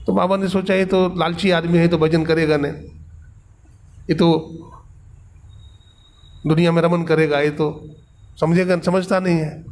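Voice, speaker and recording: A man's voice: fairly high pitch, little pitch movement, unhurried, pauses often, darkish tone, a little hiss or hum. A man delivering a storytelling sermon as a spiritual teacher, voicing the characters in his parable. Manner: acts out the characters' quotes in the story.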